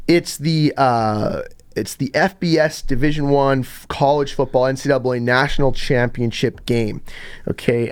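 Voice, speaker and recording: A young man hosting a casual podcast, telling stories in an animated way. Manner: animated storyteller, jumps to high pitch in quotes. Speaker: podcast host.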